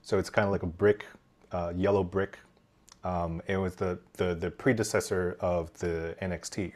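A man in his forties from Taiwan appears as a podcast guest, telling his story animatedly over a video call on a headset from a room at home. He gestures as he talks and often restarts his sentences. His voice is low-pitched and he speaks at a normal speed.

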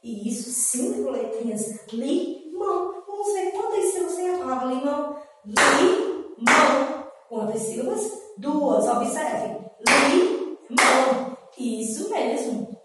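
A woman teaching a slow, sing-song lesson to young children, drawing out syllables and counting aloud. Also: high-pitched, sing-song, heavy background noise. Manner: drawn-out syllables, counting and asking questions. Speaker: preschool teacher. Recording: echoey room from far off.

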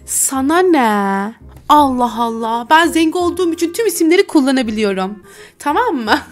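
Giggly, teasing high-voiced woman gamer. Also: lively intonation, normal speed, soft background music. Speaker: gaming streamer. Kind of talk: casual gameplay commentary with role-play voice chat.

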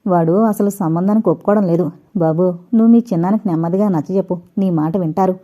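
A woman voicing a gentle, trusting middle-aged mother who coaxes softly, in an audiobook reading. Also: fairly low pitch, fast, lo-fi sound, close to an everyday voice. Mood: coaxing.

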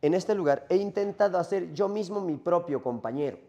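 Lonely rambling Minotaur, played by a man, male monster longing for death, slightly high voice, rhetorical questions. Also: animated, a little fast, warm tone, muffled recording. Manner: rambling first-person monologue, rhetorical questions.

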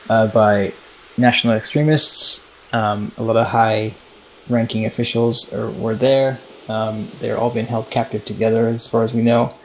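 Man giving a halting mission briefing. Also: medium pitch, vocal fry, low-quality recording. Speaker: mission leader briefing a squad. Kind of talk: casual in-game mission briefing.

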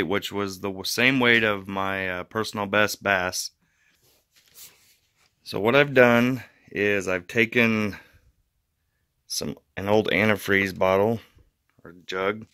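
A man chats through a casual how-to for his fishing channel, rambling a little with fillers and restarts. His voice is fairly low and smooth, with a bright edge. The sound is dry and close, recorded on a phone indoors. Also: no echo.

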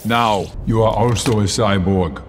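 Game casting: a smooth, too-even android killer with a lowish voice, flat and clipped, heard over noisy game audio. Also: male voice, measured pace. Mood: cold. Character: emotionless male cyborg killing machine. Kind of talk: video game dialogue.

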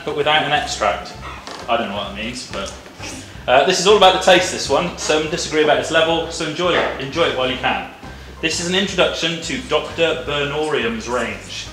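A man's voice: on the high side, brisk. A man hosting a food challenge quiz casually, with jokey teasing banter. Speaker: host of a hot wings quiz challenge. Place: office meeting room, indoors. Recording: echoey room, background music. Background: music.

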